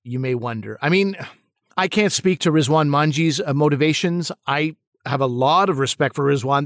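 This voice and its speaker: A male actor and comedian answers interview questions in a reflective way. His voice sits a bit high, and he often stumbles and repeats words as he thinks aloud. The sound is close and dry. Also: dry recording.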